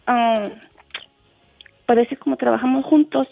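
Woman caller, chatty, hesitant starts, high voice, muffled phone sound. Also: steady tone, unhurried, gravelly, dry recording, faint music behind. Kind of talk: phone-in chat.

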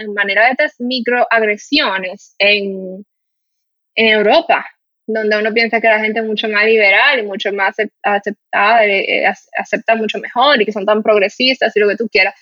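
Una mujer latinoamericana que habla de forma sincera y reflexiva en una conversación informal, con muchas muletillas. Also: female voice, a little high, bright, forceful tone, no room sound, muffled recording. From Latin America. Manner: candid, reflective, frequent fillers. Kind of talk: casual conversation.

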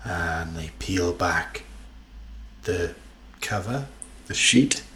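A man's voice: sits low, very slow, bright, forceful tone, echoey room, slight background noise. A man casually recapping a film on a podcast, swearing, laughing often and acting out the scenes. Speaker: podcast co-host.

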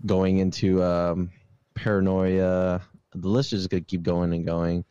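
Deep-voiced podcast host, lo-fi sound. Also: male voice, little pitch movement, unhurried, mellow, clean tone, no echo. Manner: opinionated, explains with examples and repeated "obviously". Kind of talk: casual chat.

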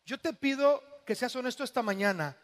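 High-voiced Mexican pastor preaching in a hall. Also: male voice, animated, a little fast. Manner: dramatic preaching with sudden swings between loud and hushed. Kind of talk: sermon. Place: church.

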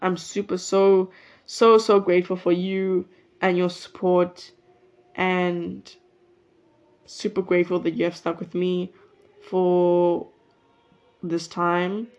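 Delivering everything completely flat, a nineteen-year-old solo podcast host takes it slowly and pauses often in a fairly low, slightly mellow voice. She chats and rambles, breaking off her sentences, and the phone-plugged mic cuts off the highs.

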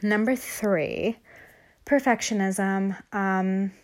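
A woman's voice: mid-range voice, fairly even intonation, drawn-out words. A young woman hosting a casual podcast monologue, talking loosely with many fillers and audible heavy breathing. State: breathing heavily. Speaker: podcast host.

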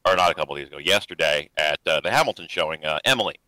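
A man's voice: rumbling low, expressive, very fast, pushed and bright, no room sound, poor audio. A man narrating as game master for a tabletop game, loose and full of fillers.

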